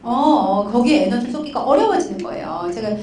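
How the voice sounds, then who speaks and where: Middle-aged woman counselor, high voice, animated storyteller, distant mic in a roomy hall. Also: brisk. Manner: animated storytelling with acted quotes. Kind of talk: conference talk. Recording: echoey hall from far off.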